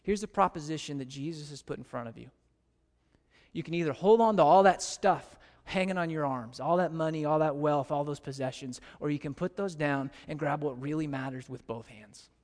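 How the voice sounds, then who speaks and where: A man with an American accent preaching a sermon as a pastor, telling stories with big animated swings in pitch. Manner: animated storytelling, pitch leaping high in anecdotes. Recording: long reverb of a large hall.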